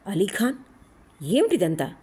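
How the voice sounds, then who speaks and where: A woman's voice: mid-range voice, very animated, measured pace, dark tone, slightly rough, pitched above the performer's own voice, heavily acted. A woman voicing a blinded male police officer who insists and pleads under threat. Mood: indignant.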